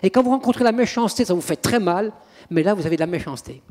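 A priest and exorcist giving an anecdotal public talk, acting out scenes as a theatrical storyteller. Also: male voice, high voice, expressive, fast talker, darkish tone. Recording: long reverb of a hall.

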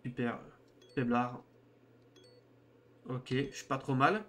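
A man's voice: mid-range voice, takes it slowly. A young man streaming a horror game, reacting in informal, slangy, joking commentary. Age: young adult.

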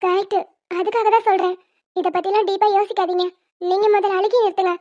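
A woman's voice: very high-pitched, flat delivery, quick pace, darkish tone, no echo, highs cut off. A woman voicing a bossy, sensible young wife in a cartoon, who talks in a scolding, lecturing way. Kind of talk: cartoon voice acting.

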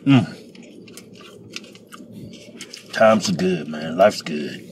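A man's voice: low-pitched, very slow, noisy background. A man reviewing food in casual chat, talking with his mouth full of food and repeating himself as he savors it. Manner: relaxed, savoring, repeats phrases. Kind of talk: casual chat while eating.

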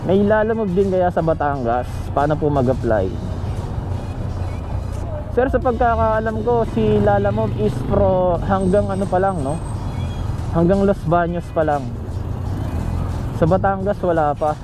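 Chatty high-voiced man vlogging on a motorbike. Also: unhurried, pauses often, music in the background, rough recording. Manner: chatty, answers viewer questions with frequent "no?" tags. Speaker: motovlogger and delivery rider. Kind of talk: casual vlog talk while riding. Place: outdoors on a motorcycle in town streets.

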